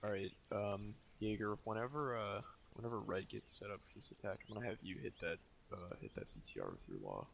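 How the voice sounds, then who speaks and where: A man's voice: fairly low pitch, animated, brisk, creaky, few pauses, fairly bright tone. A man speaking on a headset as squad leader, in casual tactical voice chat during a military simulation game. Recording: faint background noise.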